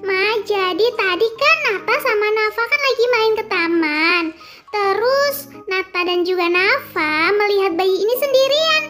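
A woman's voice: very high-pitched, animated, unhurried, over music. A woman voicing eager little children in a game role-play story, pleading and chattering. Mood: puzzled, explaining. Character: eager little kids who found a baby.

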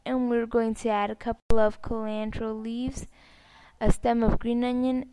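Slow-paced woman. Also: fairly high pitch, level tone, dark tone, smooth, no echo. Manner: plain step-by-step instructing. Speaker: host of a cooking channel. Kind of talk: recipe narration.

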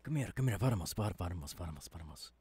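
A man playing an eager, kindly professor mentoring an apprentice in an ASMR roleplay, with halting, dramatic pauses. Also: low-pitched, lively intonation, darkish tone, husky, no echo, exaggerated voice. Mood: eager, welcoming. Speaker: voice actor, ASMR artist.

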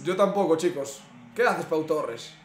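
A man's voice: on the high side, animated, unhurried, soft background music. A young man with a Spain Spanish accent, reacting live to a football match, swearing and exasperated at the screen. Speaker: streamer. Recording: echoey room.

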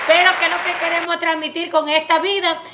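A woman's voice: extremely high pitch, little pitch movement, fast, a crowd in the background, noisy background. A Cuban woman in her thirties chatting casually in a home kitchen, laughing often and mixing English words into her Cuban Spanish. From Cuba. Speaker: vlogger, channel co-host. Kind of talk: casual chat.

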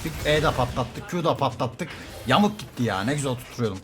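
Excitable trash-talking male game streamer. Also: medium pitch, a little fast. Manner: excitable, trash-talking, addresses viewers as guys. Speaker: gaming streamer. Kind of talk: live gameplay commentary.

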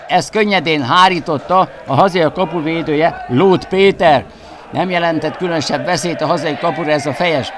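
A man commentates football highlights. His delivery is excited sports commentary, following each pass and lifting sharply when a chance comes. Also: noisy background. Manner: excited, rising into shouts at chances. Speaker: football commentator for the visiting team.

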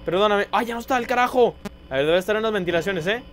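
A man giving excited horror gameplay commentary, jumpy, repeating words and crying out. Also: sits high, fast, faint music behind.

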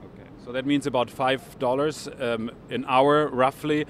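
Brief: man, 40s, German accent, street reporter with a handheld mic, halting English, faint street noise behind. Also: medium pitch, steady tone. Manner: hesitant, many ums and uhs in English. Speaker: finance correspondent and interviewer. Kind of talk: street interview, report to camera. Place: outdoors on a city street. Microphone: handheld microphone.

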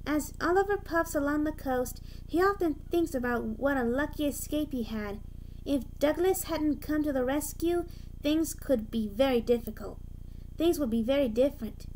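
A woman reading a children's train story aloud in a gentle, unhurried storytelling manner. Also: high-pitched, a little hiss or hum. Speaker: storybook reader.

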